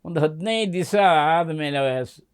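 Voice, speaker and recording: A man, a religious scholar, telling devotional stories in a lively, expressive way and acting out the voices in them. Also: a little high, measured pace, clear, resonant tone. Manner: animated, acting out the story's voices. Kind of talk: devotional storytelling discourse.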